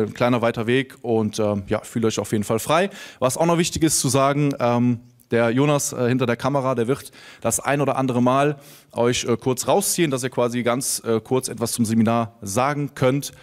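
A young man talks to a seminar audience on a microphone, loose and conversational, leaning on plenty of ums and uhs. His pitch sits in an ordinary middle register for a man, and he tells stories as though chatting with friends in the room. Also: steady tone, a little fast. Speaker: seminar speaker. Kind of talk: live seminar talk to an audience.

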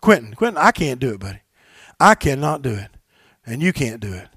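A man preaching a sermon as pastor in a church, swinging from shouted exhortations to low, quiet asides and leading call-and-response with his congregation. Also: very animated, fairly quick, slightly rough, no echo, clean studio sound. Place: church sanctuary.

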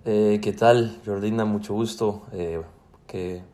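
A young man in his twenties speaks with a Salvadoran Spanish accent, his voice sitting fairly low. He answers interview questions casually, pausing often on fillers and restarting his phrases. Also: steady tone, dark tone. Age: 20s. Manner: hesitant, many fillers and restarts. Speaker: student guest.

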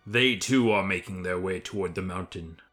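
A man voicing a grave male guardian in an audio fantasy story, speaking slowly and solemnly. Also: low-pitched, fairly bright tone, soft background music.

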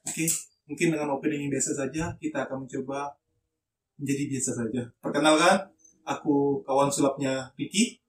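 A man's voice: medium pitch, steady tone, moderate pace. Man co-hosting a casual podcast, roomy. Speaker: podcast co-host. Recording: roomy, distant mic, faint hiss.

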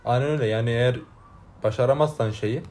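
Quick-talking young male co-host, mid pitch, easygoing and agreeable. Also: darkish tone. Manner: chatty, agrees a lot, laughs often. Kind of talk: casual chat.

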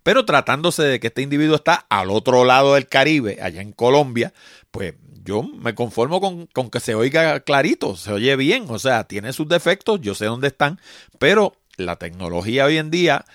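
A male podcast host with a very animated voice that swings up and down as he talks. His delivery is chatty and relaxed, full of little filler phrases. The sound is close and dry, with no room around it. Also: mid-range voice, moderate pace, dry recording. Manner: chatty, animated, leans on the filler 'qué sé yo'. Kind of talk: conversational podcast intro and interview.

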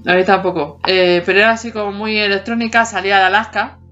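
A podcast co-host in her forties, she's a fast talker with a medium-pitched, steady, somewhat bright voice. The casual chat covers childhood TV songs, full of laughter and hummed fragments of old tunes, set against faint music in dull lo-fi audio.

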